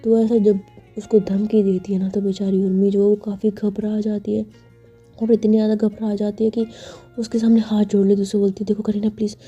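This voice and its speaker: A woman tells a story in a very dark, mellow voice with a husky, breathy grain. Her delivery is flat and conversational, with faint music underneath. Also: mid-range voice, a little fast, lo-fi sound. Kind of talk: storybook narration.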